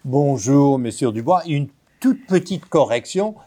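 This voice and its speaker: Slow, deliberate male professor from Texas. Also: mid-range voice, expressive, warm tone. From Texas, United States. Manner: deliberate, lecturing, with fillers and restarts. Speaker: professor, guest. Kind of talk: radio interview.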